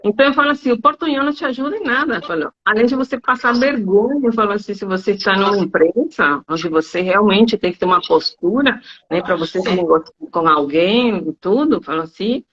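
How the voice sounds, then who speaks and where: A woman, a Spanish teacher and travel agent, talking in an interview and telling anecdotes in an animated way, acting out her students' lines. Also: a little fast, few pauses. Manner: animated storytelling, acts out students' lines in high voices. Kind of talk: interview conversation. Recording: dull lo-fi sound.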